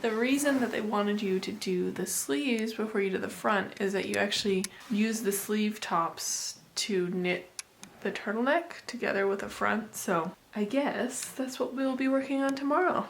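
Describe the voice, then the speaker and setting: A woman's voice: medium pitch, normal speed, creaky, a little hiss or hum. A woman talking casually to camera as a vlogger, in a chatty, rambling, informal way. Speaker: knitting vlogger.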